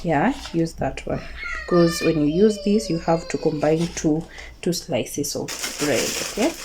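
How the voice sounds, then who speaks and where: A low, expressive voice, a little slow, guides viewers through a casual cooking tutorial. The speaker is a Kenyan home cook with a Kikuyu accent who repeats her words, checks in with her audience, and mixes Swahili words into English. Her home recording is clearly noisy, full of kitchen clatter.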